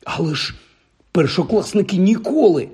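A man voicing an excitable, easily amazed schoolboy. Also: fairly high pitch, a little fast, slightly rough, voice pushed up. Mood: excited.

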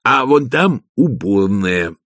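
Male reader as a gloomy, deliberate male servant, husky, slightly raised voice, dry booth sound. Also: on the low side, sing-song, a bit bright, no room sound, exaggerated voice. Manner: slow, deliberate delivery. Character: hunched servant Igor, slow, gloomy, matter-of-fact. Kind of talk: audiobook character voice.

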